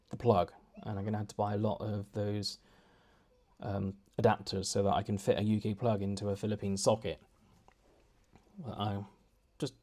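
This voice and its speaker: Recording a casual vlog indoors at home, a young man from the United Kingdom has a lowish, slightly mellow voice. His talk is rambling and self-deprecating, with plenty of false starts.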